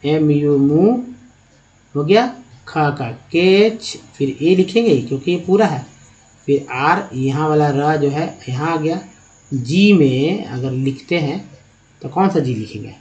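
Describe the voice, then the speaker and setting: A man's voice: fairly high pitch, animated, a little slow, a little mellow, lo-fi sound. A man teaching English spelling and pronunciation in a spoken lesson, explaining step by step and putting questions to the viewer. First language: Hindi.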